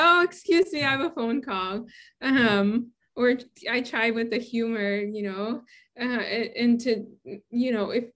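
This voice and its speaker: Chatty woman from Brooklyn, laughing often. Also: mid-range voice. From Brooklyn, New York. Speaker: guest scientist. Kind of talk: casual interview answers.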